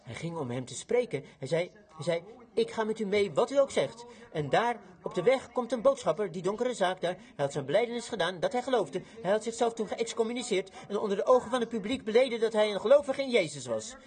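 High-voiced preacher telling dramatic stories. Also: male voice, animated, quick pace, hardly any pauses. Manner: dramatic storytelling, swinging between loud and hushed. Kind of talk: sermon.

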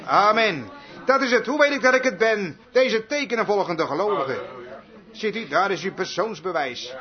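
A fervent male preacher with a high voice, firing rhetorical questions and answering them himself. He repeats his key lines for weight. The recording sounds dull and lo-fi, like an old sermon tape. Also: expressive, normal speed. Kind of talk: revival sermon with altar call.

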